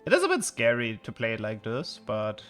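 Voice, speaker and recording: A man from southern Germany with a German accent, a streamer chatting with viewers and commenting on his game, with sudden excited outbursts. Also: medium pitch, fairly quick, smooth, faint music behind.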